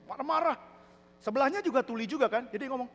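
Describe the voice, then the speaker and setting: A man preaching a sermon, telling lively stories and acting out the people in them, mixing English phrases into his talk. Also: high-pitched, a little fast. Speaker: pastor. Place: church hall. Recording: long hall reverb, faint mains hum.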